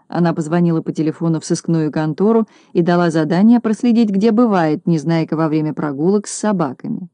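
Woman narrator, audiobook, children's tale, warm dark tone, dry sound. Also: lowish voice, dry recording.

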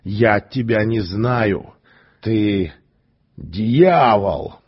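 A man voicing a boastful, brutish male circus strongman in a loud, blustering manner. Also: on the low side, very slow, slightly rough, muffled recording, full character voice. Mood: furious.

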